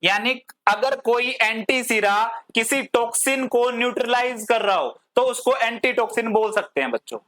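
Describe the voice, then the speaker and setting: A woman's voice: a little high, normal speed, few pauses, fairly bright tone. A woman teaching a pharmacy lecture, mixing Hindi and English, asking the class questions and answering them herself, stretching out technical terms. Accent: Hindi-English code-switching. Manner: drawls long technical terms word by word.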